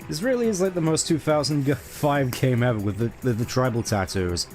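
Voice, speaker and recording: A man's voice: mid-range voice, fairly quick, a little mellow. A man giving casual live game commentary as a streamer, musing and rambling wryly. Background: game music.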